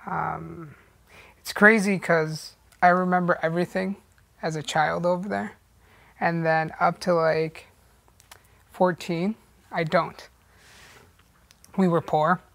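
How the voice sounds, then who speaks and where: A man from El Salvador, a teacher and boxer, recalls his childhood in a reflective interview. His voice is gravelly and fairly even in pitch. He often fills his pauses with "like" and "um," and the recording is dry. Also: no echo. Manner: reflective, with fillers like "like" and "um". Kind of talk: personal storytelling interview.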